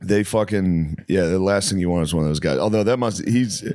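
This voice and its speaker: A man's voice: low-pitched, brisk, a little mellow, no room sound, clean studio sound. A man co-hosting a casual comedy talk, riffing offhandedly with frequent swearing. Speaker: podcast co-host.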